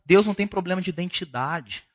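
A man's voice: high-pitched, brisk. A male pastor preaching a sermon at a church service, talking to the congregation in a conversational way and asking them questions.

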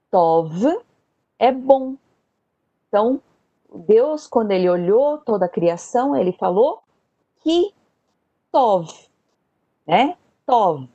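Slow, patient woman teaching a class. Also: mid-range voice, mellow, no room sound, lo-fi sound. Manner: slow, patient, repeats words for learners. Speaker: Hebrew teacher. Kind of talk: online Bible language lesson.

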